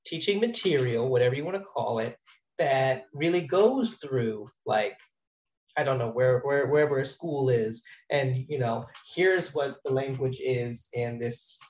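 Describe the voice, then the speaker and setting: A man with a mid-range, slightly mellow voice speaks at a measured pace in casual conversation about language teaching. He thinks aloud, rambling with lots of fillers and restarts, and the audio sounds roomy and dull.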